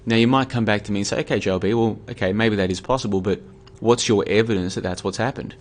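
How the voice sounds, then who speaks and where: A man's voice: lowish voice, steady tone, fast. Tired Australian man on a livestream. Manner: conversational, argumentative, with many fillers and restarts. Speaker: livestream host. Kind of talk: casual monologue livestream. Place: home room.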